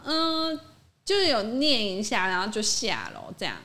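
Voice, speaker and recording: Animated young woman telling stories. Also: medium pitch, a little slow, a loud crowd. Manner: animated storytelling with frequent laughter. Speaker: podcast co-host. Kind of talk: casual chat.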